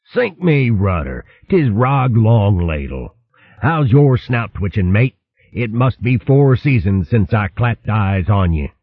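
A man's voice: lowish voice, very animated, takes it slowly, no echo, voice pushed up, full character voice. A man voicing a cheery, sturdy male otter who drops his h's and uses sailor slang. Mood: hearty. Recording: thin phone-like dry sound.

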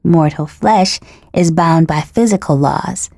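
A woman reading an audiobook, voicing a young boy godling who speaks softly with smug, cruel relish. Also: fairly low pitch, slow pace, gravelly, no room sound, studio quality, exaggerated voice. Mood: smug mocking. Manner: soft, smug, mocking. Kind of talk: audiobook character voice.

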